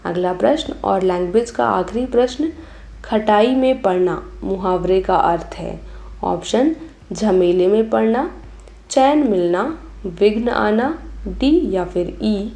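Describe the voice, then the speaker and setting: A woman's voice: mid-range voice, a little slow, gravelly, dark tone. A young woman teacher going through an exam paper, reading each option aloud and then giving the answer.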